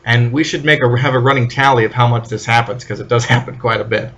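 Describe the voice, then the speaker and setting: A man talks casually as a podcast co-host, walking through comic book plots in an animated way. He sometimes drops into short acted-out lines for the characters before going back to his own voice. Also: mid-range voice, dull audio, slight background noise. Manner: animated, acts out characters' lines in quick asides.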